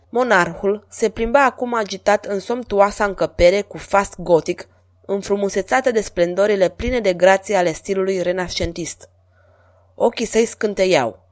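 A woman narrating a historical story in a steady, measured reading voice. Her pitch sits in the middle range for a woman.

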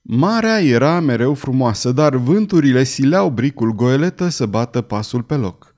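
A man narrating an adventure novel audiobook in a measured, expressive reading. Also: mid-range voice. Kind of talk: scripted narration.

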